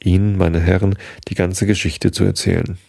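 A man reading the lines of a calm, grim male prisoner who is dying, in a deliberate tone. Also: sits low, gravelly, slightly rough, no echo, clean studio sound, full character voice.

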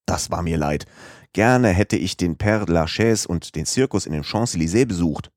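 A man's voice: deep voice, moderate pace, no room sound, studio quality. A male audiobook reader voicing a chatty, naive young French manservant who talks eagerly and a little proudly. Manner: talkative, excitable, proud.

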